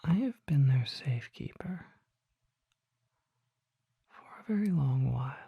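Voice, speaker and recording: Whispering breathily and quietly, a performer gives a full character voice to a solemn, gentle, mysterious vampire apothecary in an ASMR roleplay, speaking formally and deliberately. The mid-range voice is expressive, and the audio is dull with no echo.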